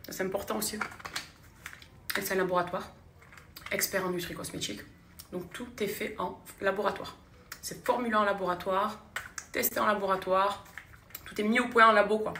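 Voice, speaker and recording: A woman's voice: mid-range voice, pushed and bright, reverberant, a little hiss or hum. A young woman talking casually to her followers in a vlog, chatty and enthusiastic, promoting products and running a giveaway. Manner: chatty, enthusiastic, repeats phrases. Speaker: vlogger.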